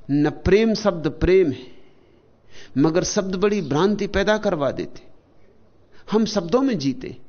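A man delivers a spiritual discourse at a very slow, deliberate pace, with long pauses between single words. His fairly high voice rises and falls in wide, lively swings. The recording sounds dull and lo-fi, like an old archive tape. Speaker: spiritual teacher.

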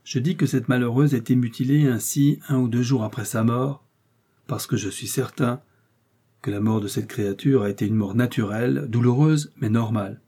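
A man's voice: mid-range voice, normal speed, dark tone, breathy edge. A male audiobook reader voicing a confident detective chief who lays out his deductions insistently. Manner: emphatic, insistent explaining. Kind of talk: audiobook character reading.

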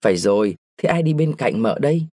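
A jovial, indulgent man who teases a child warmly, read by a male narrator. The voice is husky, middle-pitched and dry. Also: sing-song, fairly quick, dry recording. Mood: teasing. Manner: teasing, indulgent. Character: jovial middle-aged man, the mother's suitor.

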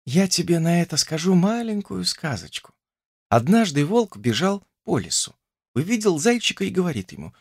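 A man reading an audiobook voices a gentle, fatalistic young woman who speaks softly and tenderly. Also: sits high, very animated, moderate pace, dry recording, studio quality, voice pushed up, full character voice. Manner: soft, tender, quietly insistent.

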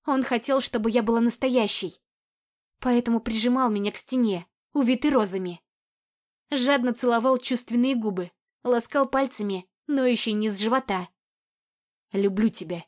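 Lady reading a love story audiobook, slightly high voice, calm and intimate. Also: normal speed. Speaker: audiobook reader. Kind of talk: first-person romance audiobook narration.

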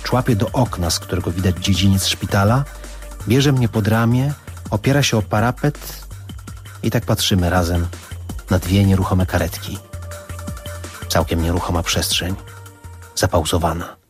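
A man reading a literary novel aloud on radio in a calm, measured way. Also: sits low, soft background music. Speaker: audiobook reader.

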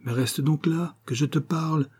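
A man's voice: mid-range voice, normal speed, mellow, husky, pitched above the performer's own voice, natural voice. A male reader voicing a cynical, murderous young bandit who talks in a coaxing, mocking, cold way.

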